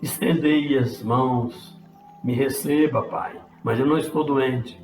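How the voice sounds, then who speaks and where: A man's voice: medium pitch, fairly even intonation, takes it slowly, darkish tone, natural voice. A man voicing an earnest young man pleading with his father, in a roomy space with faint music.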